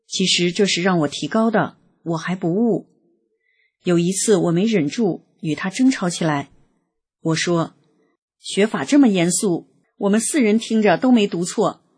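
A woman reading a first-person testimony aloud in a steady, earnest manner. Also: on the low side, slightly rough. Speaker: reader of a personal experience article.

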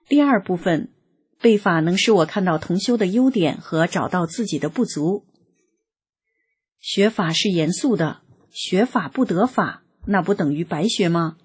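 Woman, deeply breathy tone, mid pitch, earnest read-aloud testimony. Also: a little mellow. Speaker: reader of a personal experience article.

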